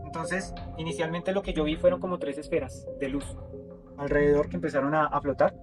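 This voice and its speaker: Guy telling his story kinda slow and stumbly, lots of ehs, voice a bit high, music playing behind. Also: fairly even intonation. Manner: hesitant, with many fillers and repeated words. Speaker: interview guest sharing a testimony. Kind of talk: casual first-person storytelling. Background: music playing under the voice.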